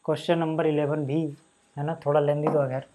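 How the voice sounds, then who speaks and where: A man teaching a maths lesson, talking casually to students and repeating each step slowly as he writes. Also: a little high, level tone, noisy background. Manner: casual, addresses students as bhai and yaar, repeats steps slowly while writing.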